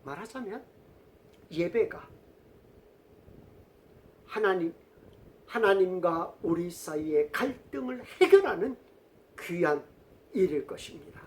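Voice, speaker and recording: Korean pastor guy preaching a sermon, voice swings up and down a lot, tells little stories. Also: sits high. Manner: storytelling, asks the congregation questions.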